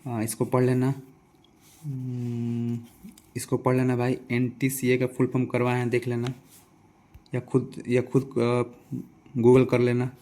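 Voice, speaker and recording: A man's voice: medium pitch, completely flat delivery, a little slow, pauses often, dark tone. A man with a Bihari Hindi accent teaching a casual exam revision lesson, asking quiz questions and answering them himself. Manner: conversational, repeats answers, asks and answers own questions.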